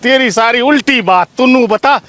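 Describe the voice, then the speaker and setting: A man's voice: very high-pitched, moderate pace, fairly bright tone, no room sound. A man playing a lecherous old village man, whiny and teasing in a village comedy skit. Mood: cheeky grumbling. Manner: teasing, whiny and self-pitying. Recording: faint background noise.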